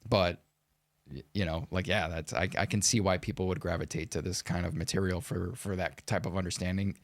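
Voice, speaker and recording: A gravelly, somewhat low-voiced man chatting casually as a podcast co-host. He rambles in halting bursts, restarting and repeating words as he feels his way through a thought. The sound is dry and close. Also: steady tone, no echo. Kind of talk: casual chat.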